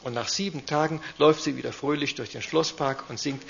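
Gravelly man reading a fairy tale. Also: fairly high pitch, brisk, a little hiss or hum. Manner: lively, expressive reading. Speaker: storyteller. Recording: dull lo-fi recording.

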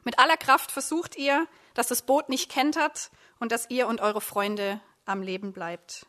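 A woman's voice: fairly high pitch, fairly even intonation, unhurried, pushed and bright. A woman preaching a sermon, retelling a Bible story dramatically in second person to her listeners. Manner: dramatic, addressing listeners directly. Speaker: preacher, discipleship program leader.

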